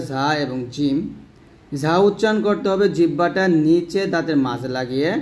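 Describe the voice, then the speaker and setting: A man's voice: on the high side, a little mellow. A man teaching Quran recitation, patiently repeating and stretching out sounds to show each one. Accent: Bangladeshi Bengali. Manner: patient, repeats and drags out sounds to demonstrate them. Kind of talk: spoken lesson.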